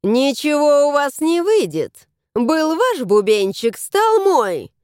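A woman voicing a greedy, shrill older nanny who gloats and shouts, in a fairy-tale audiobook. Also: big pitch swings, slow pace, no echo, clean studio sound, heavily acted. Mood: gloating.

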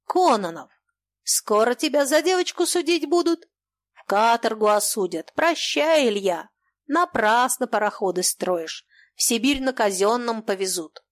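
A woman's voice: a little high, animated, a little slow, no echo. Woman reading as an angry young merchant. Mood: scornful. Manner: defiant, accusing, harsh. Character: furious proud young male merchant.

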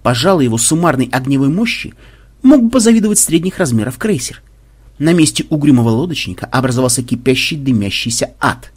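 A man narrating a story aloud in a lively, ironic audiobook style. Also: mid-range voice, fairly quick, slightly rough. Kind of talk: expressive audiobook reading.

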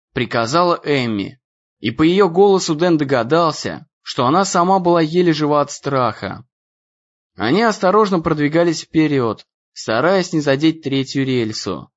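A man reads an adventure audiobook expressively, his slightly high voice swinging widely up and down. The recording is a little muffled. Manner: expressive storytelling reading. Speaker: audiobook narrator. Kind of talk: dramatic audiobook narration.

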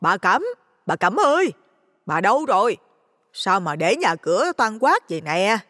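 A man doing a loud chatty village neighbor woman. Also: high voice, lively intonation, normal speed, slightly rough, clean studio sound, pitched above the performer's own voice. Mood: calling loudly. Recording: long reverb.

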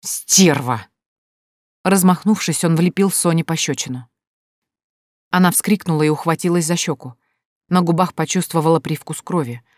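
An audiobook narrator reading a novel chapter in a steady, even manner. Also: mid-range voice, normal speed, no room sound, studio quality. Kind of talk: scripted narration.

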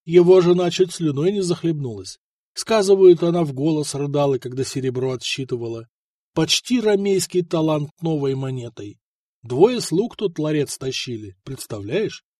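A man's voice: fairly high pitch, lively intonation, moderate pace, dark tone, no room sound, studio quality. A man voicing a bluff, good-natured blacksmith husband who teases and boasts. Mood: gloating.

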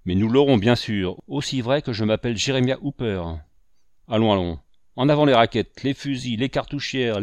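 A man's voice: mid-range voice, a little mellow, dry recording, lightly acted. Jeremiah Hooper, a man doing a hearty old hunter. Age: older. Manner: hearty, boastful. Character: boisterous old male frontier hunter. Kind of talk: audiobook character voice.

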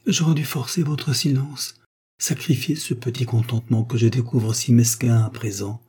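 A man's voice: medium pitch, fairly even intonation, moderate pace, a little mellow, slightly rough, close to an everyday voice. A man reading the lines of a refined, proud woman of fifty who earnestly confesses her feelings in a story. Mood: heartfelt. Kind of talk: audiobook reading of a short story.

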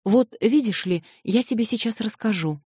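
A woman reading an audiobook and voicing an eager, flustered young man who excitedly protests his innocence. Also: medium pitch, normal speed, husky, no room sound, clean studio sound, pitched above the performer's own voice, close to an everyday voice. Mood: excited pleading.

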